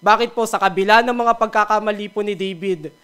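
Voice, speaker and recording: A man's voice: high voice, fairly quick, bright, forceful tone, smooth. A Filipino man giving a daily devotional sermon, switching between Tagalog and English, casual and joking at times. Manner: mixes Tagalog and English, laughs at his own jokes. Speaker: devotion speaker.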